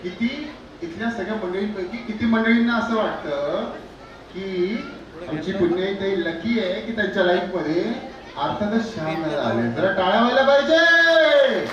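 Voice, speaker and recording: A man's voice: high-pitched, moderate pace. A man working as an event anchor at a pre-wedding celebration, energetically teasing the couple and urging the crowd to clap and cheer over a handheld microphone. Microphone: handheld microphone through the house speakers. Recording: echoey venue sound, distant mic, crowd noise.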